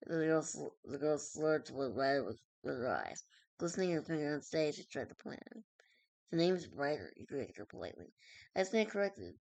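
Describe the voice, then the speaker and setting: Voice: medium pitch, sing-song, a little fast, vocal fry, a little mellow, no echo. A streamer reading a web story aloud, stumbling over words, correcting themselves and dropping in casual asides.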